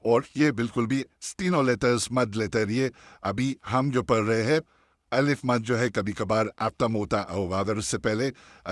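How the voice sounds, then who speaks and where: Low-voiced patient male teacher. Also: no room sound, clean studio sound. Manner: patient, repeats sounds slowly for practice. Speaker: Tajweed teacher. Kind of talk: online class instruction.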